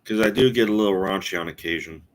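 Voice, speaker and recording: Rambling, halting man in his forties. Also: deep voice, a little hiss or hum. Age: 40s. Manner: rambling, halting with many fillers and restarts. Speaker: streamer host. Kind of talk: casual live-stream chat.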